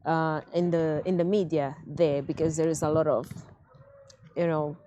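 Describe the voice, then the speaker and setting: A woman from Mozambique speaks as an activist guest on a panel discussion. Her voice sits fairly low, and she talks earnestly with a few fillers. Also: fairly even intonation, moderate pace, dark tone, highs cut off, slight background noise.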